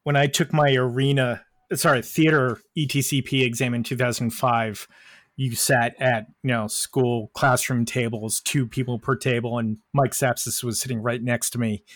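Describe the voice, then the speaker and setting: A man's voice: mid-range voice, level tone, moderate pace, a bit bright, no echo, studio quality. A man talking in casual chat as host, friendly, with fillers and restarts.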